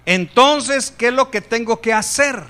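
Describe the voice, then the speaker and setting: A man from Guatemala preaching a sermon, animated, jumping to loud emphasis and joking asides with the congregation. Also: very high-pitched, unhurried. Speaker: pastor.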